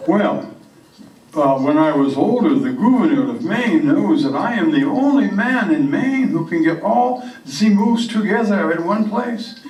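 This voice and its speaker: A man playing a boastful backwoods moose caller with a French-Canadian accent and halting, simple broken English, telling comic tall tales. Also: sits high, lively intonation, darkish tone, voice pushed up. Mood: boastful, earnest. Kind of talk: comic character monologue on stage. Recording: echoey room, distant microphone.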